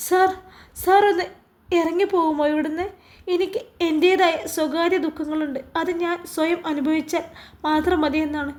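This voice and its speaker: A lonely, hurt young woman who pleads through her tears, proud and bitter at once. Her voice sits high, as a woman storyteller acts her out. She sounds like a storybook reading. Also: fairly even intonation, normal speed, darkish tone.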